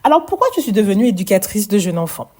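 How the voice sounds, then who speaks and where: A woman's voice: mid-range voice, sing-song, quick pace, a little mellow, husky. A woman in her thirties from Martinique with a light Martinican French accent, hosting a chatty podcast in a bubbly, self-teasing way. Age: 30s. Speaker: podcast host, early childhood educator. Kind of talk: casual podcast monologue.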